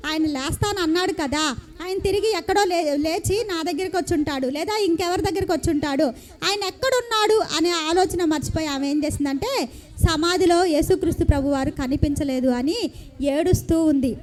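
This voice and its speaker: A woman with a Telugu accent preaches in a very high voice. She tells the story as a sermon and keeps asking her listeners questions. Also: brisk. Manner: animated storytelling with rhetorical questions.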